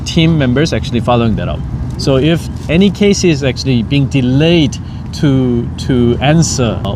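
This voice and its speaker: A man who runs a company, talking earnestly with drivers over dinner and explaining his plans with many restarts. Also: mid-range voice. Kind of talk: casual dinner conversation. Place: outdoor parking lot. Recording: noisy outdoor parking lot.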